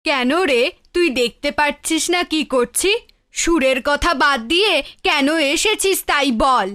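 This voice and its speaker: A woman's voice: sits high, a little slow, pushed and bright, no echo, clean studio sound. A woman voicing a grumpy, spiteful village aunt who scolds and snaps. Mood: irritated. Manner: snapping, scolding.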